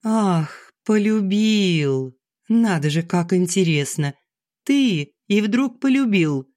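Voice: medium pitch, animated, slow pace, darkish tone, pitched above the performer's own voice. A narrator voicing an aggrieved middle-aged wife who complains shrilly and sarcastically through tears, in an audiobook. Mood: mocking. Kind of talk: audiobook character reading.

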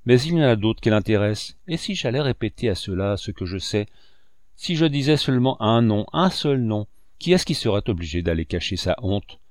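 A man's voice: on the low side, animated, brisk, darkish tone, dry recording, clean studio sound, close to an everyday voice. A man voicing a cruel, oily middle-aged padrone who speaks in a sugary, mock-tender way.

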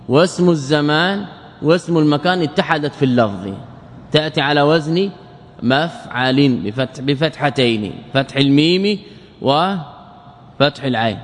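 A man teaching a morphology lesson, asking his listeners questions, answering them himself and stretching out word patterns slowly. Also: a little high, big-room sound. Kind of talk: classroom lesson explaining a verse text.

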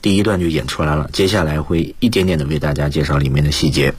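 A male teacher walks through English words and grammar in a radio studio. His voice is deep and husky. He drops English terms into his Mandarin explanations in a patient, explanatory way. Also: fast. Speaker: guest lecturer, school principal.

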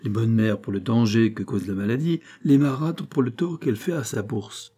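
A man reads a classic novel aloud in a measured, wry way. His voice is mellow and dark in tone, at an ordinary mid pitch. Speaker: audiobook narrator. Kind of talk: scripted literary narration.

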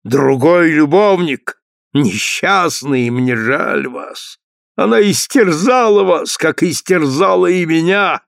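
Man playing a grim vengeful husband, slow heavy deliberate threats, dry close sound. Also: on the high side, lively intonation, no echo. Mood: menacing bitter. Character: vengeful knife-wielding husband, bitter and menacing.

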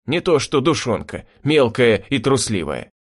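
A man voicing a menacing, gruff cult leader who barks threats and insults. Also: medium pitch, very animated, unhurried. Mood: angry, contemptuous. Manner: barking, snarling threats. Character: gruff lanky male cult boss, menacing.

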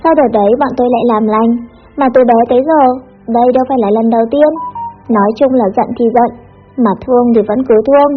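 A woman narrating a story in the first person, in a lively, chatty way. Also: fairly high pitch, quick pace. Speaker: audiobook narrator. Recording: muffled with soft background music.

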